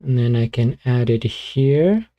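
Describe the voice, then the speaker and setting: A man streaming live, chatting casually and muttering to himself as he fiddles with his streaming software. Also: medium pitch, animated, takes it slowly. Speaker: beatbox streamer.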